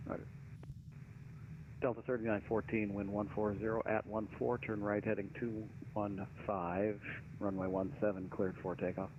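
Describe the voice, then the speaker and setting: A man's voice: fairly low pitch, flat delivery, normal speed. A man working as an air traffic controller, giving procedural instructions over aviation radio. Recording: dull, noisy aviation radio.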